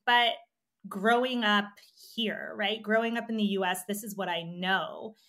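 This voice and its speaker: A woman's voice: mid-range voice, steady tone, a little slow, fairly bright tone. Earnest thoughtful American woman. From United States. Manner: earnest, thoughtful, many fillers. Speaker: guest. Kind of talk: reflective conversation.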